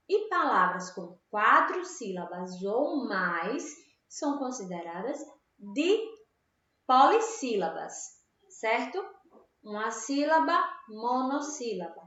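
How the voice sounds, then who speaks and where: A woman's voice: fairly high pitch, fairly bright tone. A Brazilian woman teaching a grammar lesson to young pupils, explaining patiently and checking in with them often. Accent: Brazilian Portuguese. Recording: very echoey room, dull lo-fi sound.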